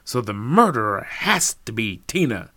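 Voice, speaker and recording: A man's voice: mid-range voice, big pitch swings, normal speed, pushed and bright, no echo, heavily acted. A man voicing a smug adult male police detective who asks clipped, demanding questions. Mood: accusing.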